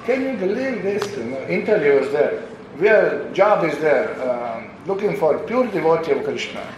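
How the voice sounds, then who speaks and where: A man from Europe leads an informal spiritual question-and-answer talk, telling stories and acting out the voices he quotes, with "you know" in nearly every sentence. His voice sits a little high. It rings through a very echoey room over a clear bed of background noise. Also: big pitch swings, moderate pace, highs cut off. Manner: anecdotal, peppers speech with "you know", acts out quoted voices. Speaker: visiting preacher answering questions.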